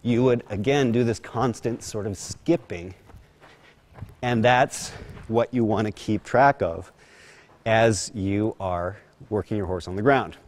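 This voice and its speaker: A man's voice: on the low side, slow pace. A man horse trainer giving hands-on instruction in a horse arena, chanting rhythmic counts while he explains, with light self-deprecating asides.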